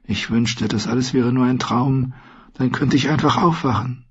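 A man's voice: moderate pace, husky, lo-fi sound. A man voicing a timid, clumsy, fearful young man, in an audiobook reading. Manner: timid, squeaky.

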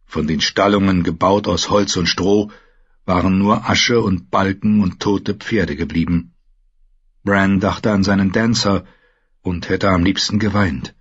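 A man narrating a fantasy audiobook in an even, steady storytelling voice. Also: lowish voice, breathy edge, dry recording. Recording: slightly muffled, dry recording.

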